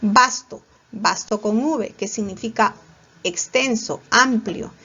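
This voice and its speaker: A woman's voice: on the high side, slow, pushed and bright, slightly rough. Woman teacher, lo-fi. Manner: asks the class questions and answers them herself. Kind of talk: classroom lecture. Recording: dull lo-fi recording.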